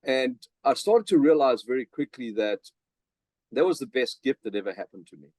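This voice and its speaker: A man's voice: mid-range voice, lively intonation, normal speed, mellow, dry recording, rough recording. A middle-aged man with a South African accent, chatting energetically as a podcast guest with many fillers and restarts. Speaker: podcast guest, business coach. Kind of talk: casual interview chat.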